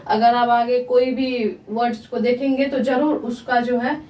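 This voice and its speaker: A woman speaking at a fairly high pitch, with a level, darkish tone, teaches English grammar in Hindi at a slow pace. She puts questions to her students, says them again, then answers them herself; the sound is distant and echoey.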